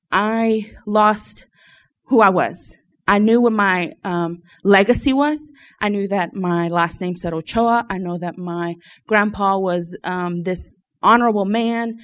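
A woman's voice: medium pitch, fairly bright tone, clear, resonant tone. A woman from Louisiana giving an informal personal testimony to a group, hesitant and often searching for her words. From Louisiana, United States. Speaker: church member giving testimony.

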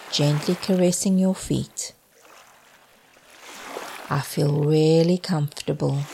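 A woman with a low, mellow voice guides a listener toward sleep. She speaks slowly and hypnotically, sometimes softening her tone. A faint hiss sits under the recording. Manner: slow soothing hypnotic delivery, soft at times. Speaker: guided meditation narrator.

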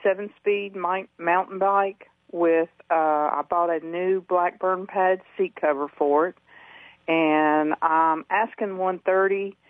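A woman's voice: on the low side, fairly even intonation, slow, no echo. A woman calling in over the phone to a radio show, hesitantly describing an item for sale and reading out her number twice. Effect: heard over the phone. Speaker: caller. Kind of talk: call-in classified listing. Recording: tinny phone line.

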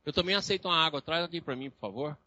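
A lecturer with a Brazilian Portuguese accent teaches a live class in a high, bright voice. He tells lively stories and acts out his patients' voices along the way. The recording is dry and a little dull. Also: racing.

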